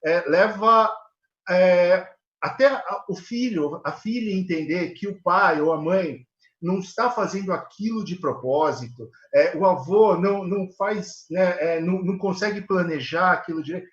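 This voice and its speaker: A man's voice: high voice, moderate pace, a bit bright. Guy on a video call, roomy echo, kinda dull sound, lots of um-ing. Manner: hesitant, many fillers, earnest. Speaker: guest, elder care manager. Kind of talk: live video call interview.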